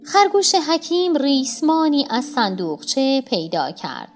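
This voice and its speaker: High-voiced woman reading a children's story. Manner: expressive, even storytelling. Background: soft music.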